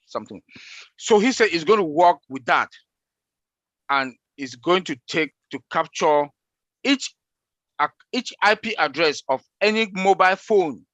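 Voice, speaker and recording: An excitable man who repeats himself while answering questions in a casual online meeting. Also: a little high, a little slow, no echo. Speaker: presenter answering member questions.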